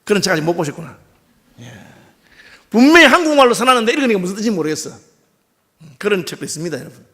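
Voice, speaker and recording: A man's voice: sits high, big pitch swings, fast talker, pauses often, bright, forceful tone. A middle-aged male pastor with a Gyeongsang accent, preaching a sermon in a conversational way and often putting rhetorical questions to the congregation. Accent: Gyeongsang Korean. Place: church sanctuary.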